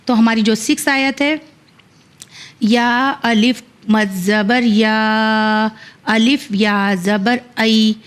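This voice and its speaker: Woman teaching Quran reading slowly. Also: fairly high pitch, steady tone, smooth. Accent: Pakistani Urdu. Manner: spells out syllables then blends them, drawn out. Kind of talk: slow letter-by-letter Quran recitation lesson.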